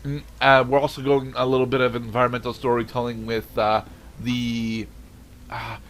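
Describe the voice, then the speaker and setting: A man hosting a let's play, commenting casually and explaining things in a halting way, repeating himself mid-sentence. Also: mid-range voice, little pitch movement, a bit bright. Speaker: let's play host, player.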